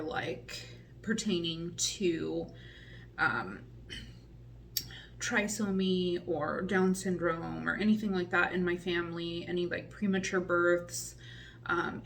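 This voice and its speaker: A woman's voice: on the low side, fairly bright tone, distant mic, a little hiss or hum. A woman in her forties chatting casually in a pregnancy update vlog, a little out of breath and full of ums. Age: 40s. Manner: rambling with many ums, chatty and upbeat. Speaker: vlogger.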